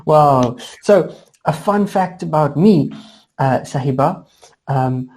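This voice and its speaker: South african lady tutor on a video call, low warm voice, chatty and upbeat. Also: takes it slowly. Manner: upbeat, chatty, many fillers like alrighty. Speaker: English tutor. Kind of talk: online lesson chat.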